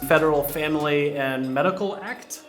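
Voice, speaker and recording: A man's voice: fairly high pitch, moderate pace, soft background music. Joking man vlogger. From United States. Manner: joking, teasing, goofy. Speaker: co-host of a couple's vlog. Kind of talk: casual vlog chat.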